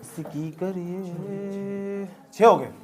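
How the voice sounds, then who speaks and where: Young guy teaching a class, kinda high voice, jokey, teases the kids. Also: fairly even intonation, drawn-out words. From India. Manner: joking, talks straight at students, teasing. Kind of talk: classroom lecture.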